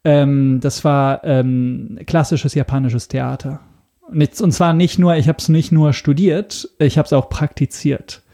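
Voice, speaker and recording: This guest's mellow voice is a little high, with fairly even intonation and a slow pace. An Italian man speaking German as a second language, he responds to casual podcast interview questions hesitantly, with many ums, and his Italian accent shows.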